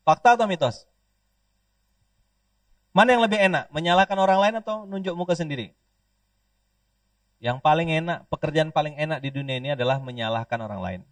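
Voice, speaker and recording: A man from Pontianak, Indonesia, preaching a lively sermon, joking and leading call-and-response with the audience. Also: fairly high pitch, fairly quick, pauses often, dry recording. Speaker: Islamic preacher. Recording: dry, distant mic.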